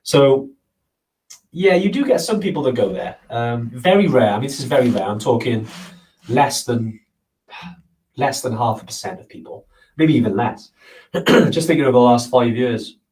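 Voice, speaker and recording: A man's voice: mid-range voice, lively intonation, normal speed, long pauses, darkish tone. A man hosting a casual live question-and-answer show, answering viewers in an earnest, rambling way. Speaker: host of a trekking live show. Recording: voice a bit far from the mic.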